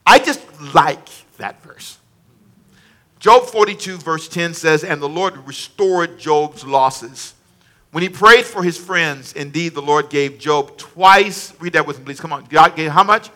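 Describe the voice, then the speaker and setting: A man's voice: fairly high pitch, measured pace, sharp tone. A man preaching a conversational sermon, stressing points by repeating phrases and addressing the congregation directly.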